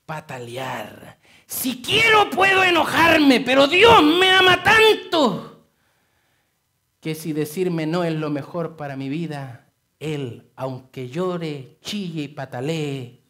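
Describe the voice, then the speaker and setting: A man preaching a sermon as pastor of a church, swinging between soft, hushed passages and loud, dramatic outbursts. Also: a little high.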